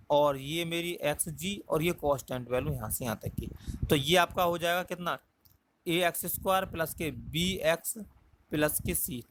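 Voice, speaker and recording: A male maths teacher works through a circle problem on the board step by step, asking rhetorical questions and pausing with thinking fillers. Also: high-pitched, fairly bright tone, a little hiss or hum. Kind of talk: whiteboard maths lesson.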